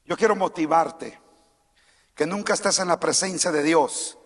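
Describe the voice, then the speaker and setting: A male pastor preaching a sermon, moving between calm teaching and shouted calls to move and praise. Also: fairly high pitch, measured pace, long reverb tail. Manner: swings from quiet teaching to shouted exhortation; mimics timid churchgoers in a small mocking voice. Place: church sanctuary.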